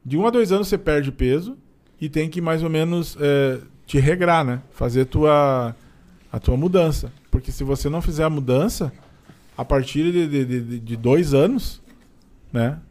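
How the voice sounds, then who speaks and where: Higher-voiced southern Brazilian man chatting casually. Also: normal speed, darkish tone. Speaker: podcast guest. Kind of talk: casual conversational storytelling.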